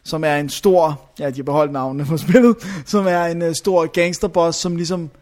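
A young man talks through a movie in a loose, casual chat, his voice sitting fairly high. He rambles, hunts for names and leans on fillers as he goes. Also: fairly even intonation, a little mellow. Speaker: film reviewer.

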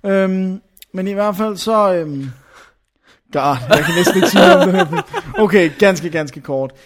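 Rambling man reviewing a film. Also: on the high side. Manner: rambling, searches for names, many fillers. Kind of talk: casual film chat.

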